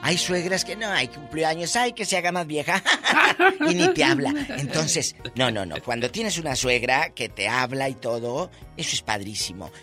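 A man's voice: on the high side, big pitch swings, moderate pace, bright, forceful tone, faint music behind. A man with a Mexican accent hosting a radio talk show, flamboyant and playful with a big theatrical voice. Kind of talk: casual radio chat.

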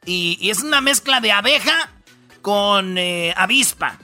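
Slangy Mexican radio host, high bright voice. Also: male voice, animated, a little slow, faint music behind. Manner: slangy, storytelling, lots of fillers. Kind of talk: casual comedic radio banter.

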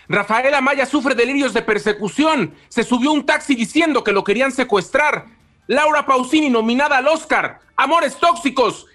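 A man reading the entertainment headlines in steady delivery on a comic radio show. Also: very high-pitched.

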